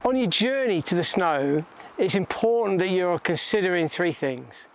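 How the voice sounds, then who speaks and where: A middle-aged man, a mountain guide giving clear, upbeat instructions outdoors. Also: sits high, expressive, moderate pace, a little hiss or hum.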